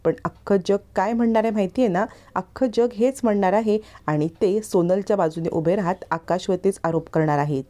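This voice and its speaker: A woman voicing a sharp-tongued, scheming young woman who talks in a needling, insistent way. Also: medium pitch, fairly quick, hardly any pauses, close to an everyday voice.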